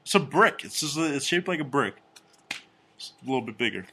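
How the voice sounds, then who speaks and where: A man co-hosting a casual comedy podcast, reading strange news stories and personal ads aloud with crude, deadpan jokes. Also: medium pitch, brisk. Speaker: podcast co-host.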